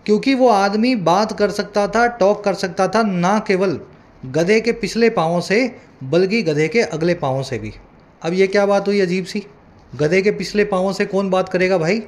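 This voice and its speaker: High-voiced tutor explaining vocabulary. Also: male voice. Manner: explains with many asides and checks like "है ना"; reads English lines slowly and deliberately. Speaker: English tutor. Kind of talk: Hindi-English newspaper reading lesson.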